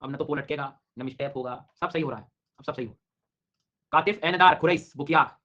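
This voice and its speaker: A man's voice: on the high side, a little fast, bright, forceful tone. A middle-aged male teacher giving an online exam-prep lecture, teasing his students with jokes while drilling names over and over. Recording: dull lo-fi online class audio.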